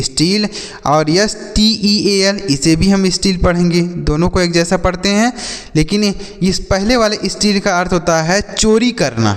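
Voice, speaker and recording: A man's voice: high-pitched, in a large hall. A man teaching children English spellings and meanings, spelling words out letter by letter and answering his own questions.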